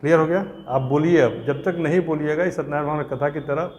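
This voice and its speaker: A man teaching a classroom of exam students, repeating terms slowly and quizzing and scolding his students. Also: fairly high pitch, fairly even intonation, a little mellow. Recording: reverberant classroom.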